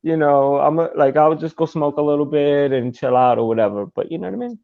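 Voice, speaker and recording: A man talking casually as a podcast guest, animated, jumping into high voices to act out his own thoughts. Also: brisk, creaky. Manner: animated, acts out his own inner voice in high squeaky tones. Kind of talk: casual conversation. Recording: dull lo-fi audio.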